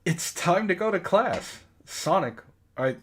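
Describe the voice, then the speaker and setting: Husky and high, this host's voice is animated yet slow-paced as he reads bad fan fiction aloud for a comedy book club. He keeps breaking off to react with swearing and amused exasperation.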